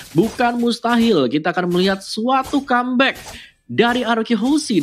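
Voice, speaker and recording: A man's voice: high-pitched, fairly bright tone, slight background noise. A man with an Indonesian accent giving analysis as a live esports commentator. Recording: music under the voice.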